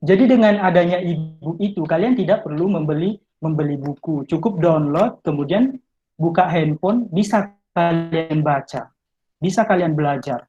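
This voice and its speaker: A man's voice: a little high, moderate pace, highs cut off. A male English tutor giving study tips in an online talk, explaining step by step and speaking straight to his listeners. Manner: explanatory, addresses listeners directly. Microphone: video call.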